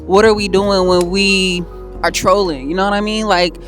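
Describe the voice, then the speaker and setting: A woman's voice: medium pitch, fairly even intonation, moderate pace, faint music behind. A woman from the Philippines, speaking earnestly and at length about spiritual growth in a street interview outdoors on a city street. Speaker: passer-by interviewee.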